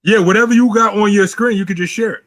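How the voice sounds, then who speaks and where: Relaxed man hosting a video call. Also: sits high, fast talker. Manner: relaxed, talks in loose restarts. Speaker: host of an online call. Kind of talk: casual chat.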